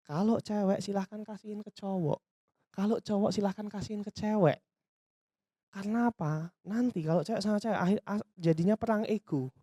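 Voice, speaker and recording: Brief: animated seminar trainer, mid-pitched voice, dry close sound, acts out customer exchanges. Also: dry recording. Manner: lively, acts out customer dialogues in quick voices; addresses audience directly, asks and answers own questions. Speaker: business trainer. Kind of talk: casual seminar talk.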